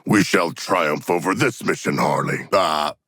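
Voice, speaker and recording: An actor playing a huge, noble, battle-hungry shark warrior in a video game, speaking in formal, literal-minded, grandiloquent language with a rough gravelly voice. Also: male voice, extremely low pitch, a little slow, bright, forceful tone, no room sound, studio quality, full character voice. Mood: polite, earnest. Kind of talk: video game character voice lines.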